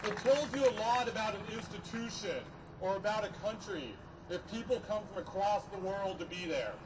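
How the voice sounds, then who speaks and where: A middle-aged man delivers an earnest podium speech in a high-set voice. He builds measured, emphatic phrases, heard a little away from the mic with clear noise around him. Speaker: professor speaking at a rally. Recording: distant mic, noisy outdoor rally.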